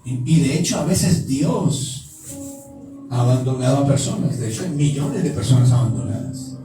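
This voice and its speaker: A man's voice: medium pitch, lively intonation, normal speed. A man preaching a sermon as pastor, emphatic and putting questions straight to his congregation. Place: church. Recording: echoey hall, distant mic, music behind.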